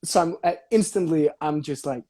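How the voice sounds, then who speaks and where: A man's voice: fairly high pitch, moderate pace, mellow. A man, chatting and joking casually with a friend on a live stream. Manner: playful, rambling, often laughing. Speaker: actor co-hosting a live stream.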